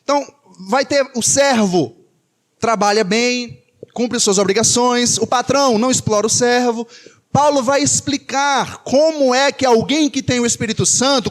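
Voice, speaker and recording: A man with a Brazilian Portuguese accent preaching a sermon, emphatic, repeating key phrases and asking rhetorical questions. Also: very high-pitched.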